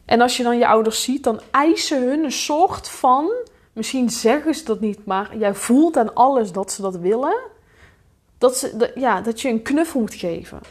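She's animated and keeps a moderate pace as she runs her solo podcast, challenging the listener directly as a host and coach. Now and then she sinks into a low mutter to voice what she's thinking.

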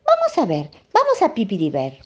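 A woman's voice: mid-range voice, huge pitch swings, normal speed, husky, muffled recording. A woman with a Rioplatense accent voicing a small, helpful male bird with a chirpy, bustling, reassuring manner. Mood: eager. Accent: Rioplatense Spanish.

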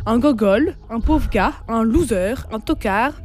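A woman's voice: a little high, lively intonation, unhurried, darkish tone. A young Belgian woman with a Belgian French accent, hosting a playful mock lesson as a teasing quizmaster in a radio studio. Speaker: radio columnist. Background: faint music.

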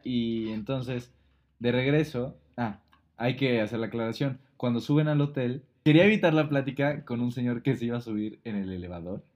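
A man's voice: medium pitch, darkish tone. A man, casually retelling a film plot on a podcast, full of fillers and quoted lines. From Mexico. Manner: storytelling with many fillers. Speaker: podcast co-host.

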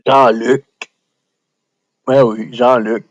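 A man's voice: medium pitch, little pitch movement, drawn-out words, no echo, muffled recording. A man with a Québécois accent hosting an improvised storytelling show, rambling and joking as he goes. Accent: Québécois French. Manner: rambling, jokey. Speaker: storyteller host.

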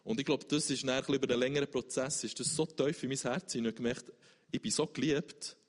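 A man tells his faith story as an interview guest, talking earnestly and often restarting his sentences to find the right words. His voice sits at an ordinary middle pitch. A long hall reverb trails after his words. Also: fairly even intonation, fast talker. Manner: earnest, searching, many restarts.

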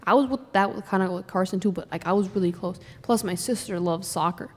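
A woman's voice: medium pitch, quick pace. A young woman chatting as a sports fan co-host, rambling and emotional, with lots of "like" fillers. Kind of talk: casual chat. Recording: long reverb in the room.

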